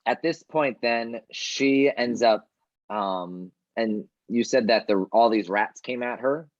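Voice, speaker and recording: A man narrating as game master of a tabletop role-playing game, halting and full of fillers, with bouts of coughing. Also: mid-range voice, no room sound, highs cut off. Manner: halting, many fillers and restarts. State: coughing fits.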